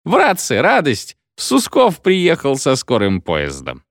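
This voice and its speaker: A man's voice: fairly high pitch, huge pitch swings, dry recording, pitched above the performer's own voice. A man voicing a drunk, jovial station chief who bellows and takes offence easily, in a dry recording. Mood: boisterous. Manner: bellowing, boisterous, quick to take offence. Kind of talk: audiobook character voice.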